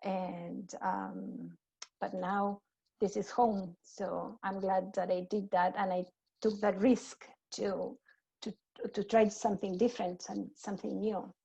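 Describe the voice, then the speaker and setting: A woman's voice: medium pitch, little pitch movement, slow pace, gravelly, breathy edge. Argentine-born woman teacher, slightly muffled. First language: Spanish. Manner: warm, thoughtful, with many fillers. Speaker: teacher being interviewed. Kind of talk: school interview answers. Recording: slightly dull lo-fi sound.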